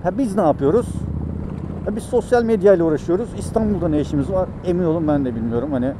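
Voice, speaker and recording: A man with a high-sitting voice talks fast from inside his helmet while riding a motorcycle through city traffic. In motovlog style, he rambles conversationally and addresses viewers directly. Loud traffic and engine noise are present throughout.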